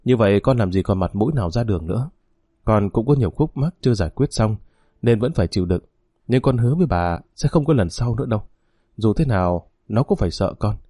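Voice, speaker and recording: A man's voice: fairly low pitch, lively intonation, quick pace, warm tone, breathy edge, no room sound, studio quality. A man voicing a middle-aged father who pleads and apologizes. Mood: pleading.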